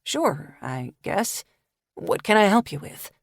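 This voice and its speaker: A woman's voice: medium pitch, sing-song, takes it slowly, vocal fry, dry recording, clean studio sound, full character voice. A woman narrator voicing a guarded, terse grown man speaking on the phone in an audiobook. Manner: curt, wary.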